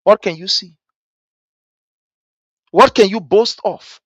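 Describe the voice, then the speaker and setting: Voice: medium pitch, slow pace, breathy edge, dry recording. A political commentary host from Liberia with a Liberian accent, speaking indignantly and mockingly to an audience with rhetorical questions and emphatic repetition.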